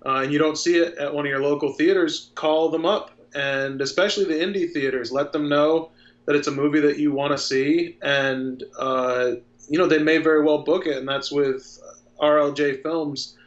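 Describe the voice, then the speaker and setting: Man, thirties, interview guest, earnest, slightly high voice, muffled lo-fi audio. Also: fairly even intonation, normal speed. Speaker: guest filmmaker. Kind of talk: casual interview talk. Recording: dull lo-fi sound.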